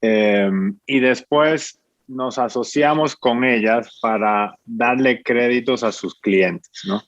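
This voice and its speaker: A fintech founder in his forties from the Dominican Republic, speaking with a Dominican Spanish accent, answers interview questions as a guest, explaining his business in a measured way. His mid-range voice often ends on a questioning tag, and the recording is muffled and dry with no echo.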